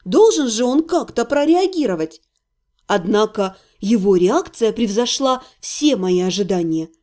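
A woman narrating a novel aloud in a lively, expressive way. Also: medium pitch, measured pace. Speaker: audiobook narrator.

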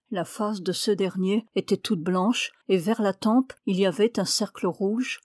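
A woman narrates a detective story in a clear, even manner. Her voice sits at a middle pitch and is recorded dry and close, with no room echo. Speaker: audiobook reader.

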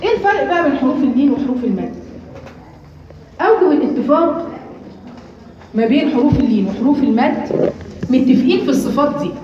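With a high, quick voice and an Egyptian Arabic accent, a woman teaches a live Quran recitation class to women, quizzing them and then answering, slowly drawing out key terms. The distant mic in the reverberant room makes her sound muffled, with background noise and students talking.

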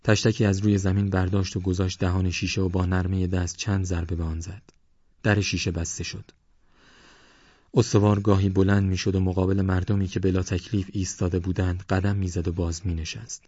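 Deep-voiced male audiobook narrator. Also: flat delivery, darkish tone, dry recording, lo-fi sound. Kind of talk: scripted narration.

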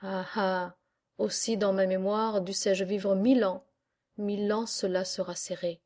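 A man's voice: sits high, little pitch movement, measured pace, darkish tone. A woman reading a proud old sailor. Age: older. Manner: storytelling, proud. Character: kindly old male sailor and singer. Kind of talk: audiobook character reading.

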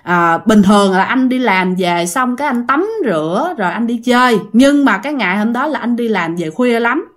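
A woman's voice: fairly high pitch, lively intonation, normal speed. Chatty woman telling ghost stories. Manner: chatty, addresses listeners directly, many fillers. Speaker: ghost story teller. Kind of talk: casual spoken storytelling.

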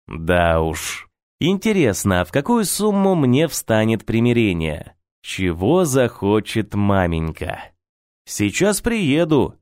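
A man reads a first-person audiobook with a wry, ironic lilt and lively, varied pitch. The recording is close and dry, with no room sound. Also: slow pace, smooth, no room sound. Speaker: audiobook reader.

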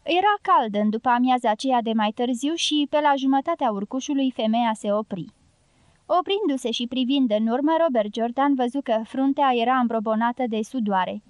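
A woman narrating a novel as an audiobook reader, in an even, measured reading. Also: a little high, clear, resonant tone, no room sound, dull audio.

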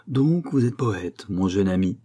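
A man voicing a courteous, indulgent, acclaimed middle-aged playwright, in a low, dark voice. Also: lively intonation, a little slow, breathy edge.

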